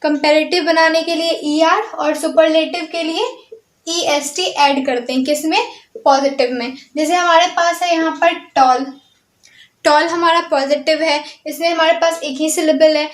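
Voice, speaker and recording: Indian woman, grammar teacher, high voice, unhurried step-by-step delivery, echoey room. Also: steady tone. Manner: explains slowly, switching between Hindi and English, checking in with "ठीक है". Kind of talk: online grammar lesson.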